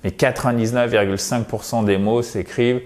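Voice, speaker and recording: Guy teaching english pronunciation, says the example words over and over nice and slow. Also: mid-range voice, fairly even intonation. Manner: repeats English example words slowly and insists on stress; addresses viewers warmly as "chers amis". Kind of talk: video lesson on English pronunciation.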